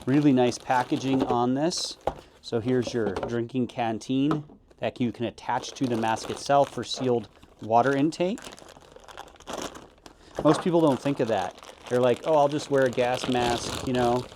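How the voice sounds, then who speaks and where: A man's voice: medium pitch, measured pace. Man reviewing gear, noisy recording. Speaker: product reviewer. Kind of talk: casual unboxing review. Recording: noisy, with crinkling packaging and clicks.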